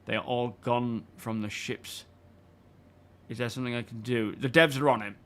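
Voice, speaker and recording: A man's voice: medium pitch, fairly even intonation, normal speed, fairly bright tone. Chatty man live-streaming a game. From United Kingdom. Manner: rambling, greets chat viewers by name. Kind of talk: casual chat while playing a game.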